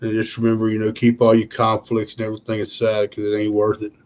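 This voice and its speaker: A man's voice: on the low side, monotone, quick pace, darkish tone. A tired man, chatting casually with viewers on a live stream, rambling with lots of fillers. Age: 30s. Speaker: channel host.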